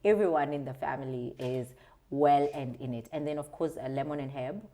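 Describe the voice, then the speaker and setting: A woman from the Transkei with a South African accent, giving earnest, expressive conversational answers as an interview guest. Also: a bass voice, fairly quick. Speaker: interview guest, video creator.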